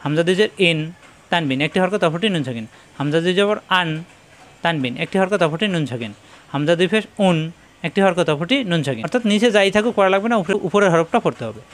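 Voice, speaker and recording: A man's voice: a little high, animated, fast talker, fairly bright tone. A man teaching Quran reading, who spells out letters and their sounds one by one and repeats each drill patiently. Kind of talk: spelling-out recitation lesson.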